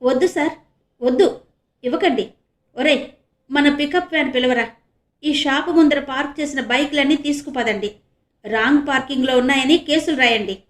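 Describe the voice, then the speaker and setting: A woman voicing bullying male police constables in a storybook reading, loud and domineering. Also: high-pitched, moderate pace, long pauses, close to an everyday voice. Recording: echoey room.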